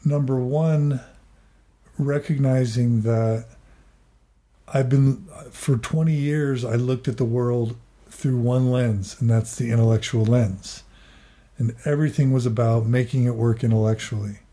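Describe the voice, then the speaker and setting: 40s guy, therapist type, earnest and halting, lots of restarts, warm mellow voice. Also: mid-range voice, steady tone. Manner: earnest, halting, many restarts and repeated words. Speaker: therapist and podcaster. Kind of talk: personal reflective interview.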